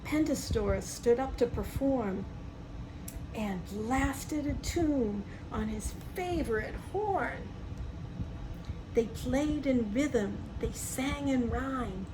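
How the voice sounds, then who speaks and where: A woman with a high, expressive voice reads a picture book aloud to young children at an unhurried pace. She adds chatty asides, simple explanations and questions for the listener. The recording has a clearly noisy background.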